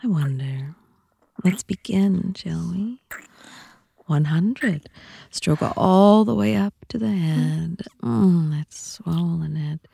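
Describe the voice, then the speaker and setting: A woman speaking slowly in a teasing, often whispered voice for an intimate audio roleplay. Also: on the low side, gravelly, warm tone, slightly rough, no room sound. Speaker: audio content narrator.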